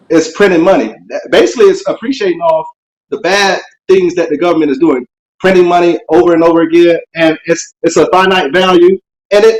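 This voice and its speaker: A man calling in to a show, explaining himself casually and earnestly, halting and repeating his words as he goes. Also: sits high, rough recording. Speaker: caller on a call-in show. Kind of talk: casual unscripted debate.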